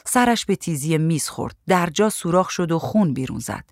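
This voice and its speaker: A woman reading a story aloud in a calm, even voice. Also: low voice, no echo, studio quality. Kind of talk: storybook narration.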